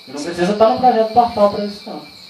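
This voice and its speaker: High-voiced man teaching in an echoey room. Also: lively intonation, racing, warm tone. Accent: Brazilian Portuguese. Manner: conversational, explains with rhetorical questions and personal anecdotes. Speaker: workshop trainer. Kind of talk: informal training talk. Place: indoor training room. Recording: echoey room, far from the mic, faint insect noise.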